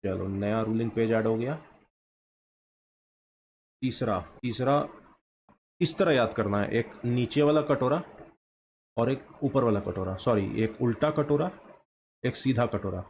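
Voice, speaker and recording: A man's voice: medium pitch, darkish tone, a little hiss or hum. A man teaching a shorthand lesson, drawing as he goes and asking questions that he then answers himself. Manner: slow, asks himself questions and answers them. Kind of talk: explaining a lesson while drawing.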